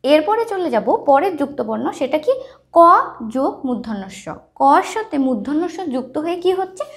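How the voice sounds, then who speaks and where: A woman's voice: high voice, very animated, a little fast, a little mellow. A woman teaching a lesson, explaining step by step and checking often with the listener. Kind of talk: lesson on writing and pronunciation.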